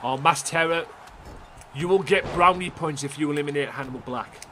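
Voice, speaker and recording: A young man doing excitable, swearing live-stream commentary over a game, talking straight to his chat viewers. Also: on the high side, a little fast, slight background noise.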